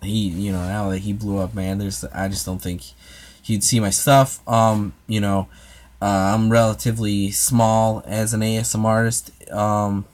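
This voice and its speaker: A man's voice: lowish voice, level tone, a little slow, darkish tone. A man hosting his own ASMR channel, chatting casually with viewers in a rambling, hesitant way full of fillers and restarts. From United States. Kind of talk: casual livestream chat answering comments.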